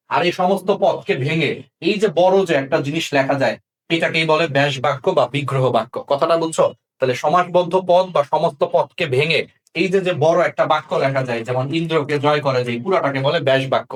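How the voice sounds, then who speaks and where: Fast-talking young male tutor. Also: fairly high pitch. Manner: checks understanding often with quick questions. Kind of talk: exam-prep grammar lesson.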